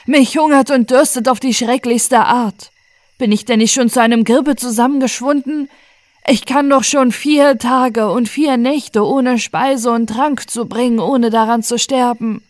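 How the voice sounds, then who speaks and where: A woman voicing a weak, starving young man who talks in a hoarse, feeble voice and wails and pleads. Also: high-pitched, a little mellow, no room sound, voice pushed up. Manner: wailing, pleading.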